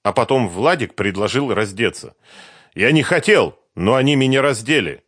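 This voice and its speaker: A man voicing an agitated young man who gives a halting, defensive confession. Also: mid-range voice, expressive, fairly bright tone, no echo, studio quality. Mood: confessing.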